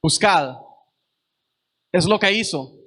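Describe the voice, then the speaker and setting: A man's voice: high voice, animated, slow pace, a bit bright, husky. A man preaching a sermon at a church service, earnest and repeating phrases for emphasis.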